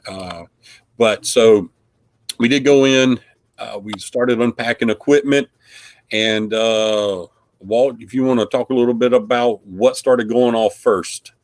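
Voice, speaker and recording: A man with a mid-range voice hosts a casual live stream recapping a paranormal investigation, speaking in an unhurried way. He's friendly and rambling, with lots of fillers, and the recording is dry.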